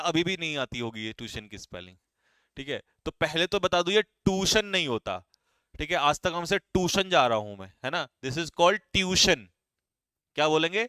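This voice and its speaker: Man, teacher quizzing a class, bright forceful voice, smooth, dry close sound. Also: fairly high pitch, dry recording. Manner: brisk, quizzing students and teasing them. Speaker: English vocabulary teacher. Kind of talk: live online exam-prep class.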